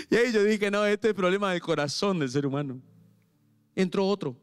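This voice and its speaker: A man with a smooth, high-sitting voice preaches at a church service in a Paraguayan Spanish accent. His sermon is impassioned, shifting between gentle pleading and rising force.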